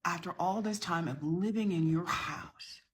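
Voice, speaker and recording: In a heated to-camera rebuttal of another video, a middle-aged woman from the southern United States who creates social media content makes her points emphatically. She speaks unhurriedly in a fairly low, breathy-edged voice.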